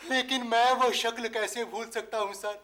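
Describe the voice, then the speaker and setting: A whiny lovesick neighbour. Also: male voice, very high voice, steady tone, moderate pace, fairly bright tone. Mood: tearful. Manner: whiny, pleading. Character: lovesick tearful neighbour Raghulal. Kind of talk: sitcom acting.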